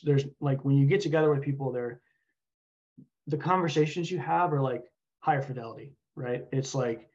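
A man speaking informally as an interview guest, halting and thinking aloud as he explains his views. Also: mid-range voice, a little mellow, dull audio. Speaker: podcast guest, software engineer. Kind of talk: casual interview conversation.

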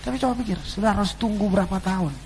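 A man preaching a sermon to his congregation, swinging between loud exclamations and quiet asides. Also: sits high, very fast, low-quality recording. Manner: addresses the congregation as "saudara". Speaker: pastor. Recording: faint background noise and hum.

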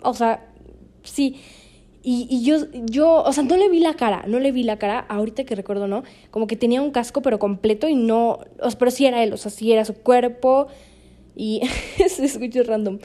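A woman's voice: on the high side, moderate pace, dark tone. Chatty Mexican woman telling a story. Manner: chatty, laughs often, many fillers. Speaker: podcast host. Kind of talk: casual storytelling chat.

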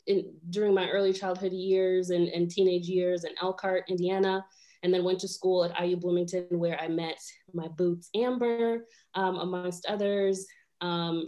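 Chatty young woman, slightly low voice. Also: steady tone, normal speed, a little mellow. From Rwanda. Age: 20s. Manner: chatty, many fillers, laughs easily. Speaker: guest lawyer. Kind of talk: casual podcast chat.

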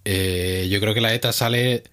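Deep-voiced Spanish man, rambling explainer. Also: fairly even intonation, normal speed, a bit bright. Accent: Spanish from Spain. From Spain. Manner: explains at length, hesitant, many fillers. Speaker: co-host. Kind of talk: casual chat.

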